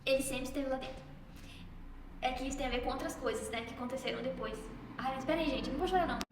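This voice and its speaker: A woman giving an emotional faith testimony, talking fast to her viewers and fighting back tears. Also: high voice, fairly even intonation. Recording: echoey room with long reverb, faint noise.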